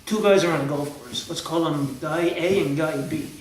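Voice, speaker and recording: A man's voice: a little high, moderate pace. A man co-hosting a casual chat, retelling movie scenes and jokes in a rambling way and acting out the quoted lines. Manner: rambling storyteller with restarts, acts out quoted lines. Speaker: co-host. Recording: roomy, distant mic with faint hiss.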